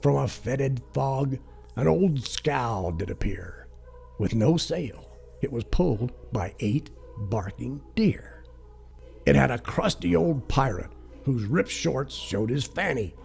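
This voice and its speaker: Gravelly man reciting a cheeky parody poem. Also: mid-range voice, lively intonation, takes it slowly, a little mellow. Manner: crude, cheeky storytelling. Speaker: narrator. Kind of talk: comic rhyming verse recitation. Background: music.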